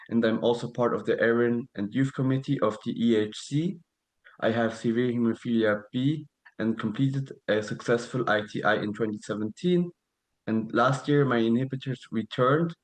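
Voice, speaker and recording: A man's voice: mid-range voice, low-quality recording. Young man reading a presentation. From Switzerland. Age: 20s. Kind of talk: reading a prepared webinar presentation.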